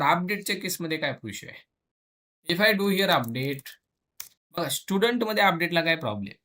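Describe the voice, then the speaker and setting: In a relaxed programming class, this male teacher talks in a chatty, colloquial way, dropping in English phrases and acting out the tables and students in quick asides. His voice sits a little high, with a bright, forceful tone.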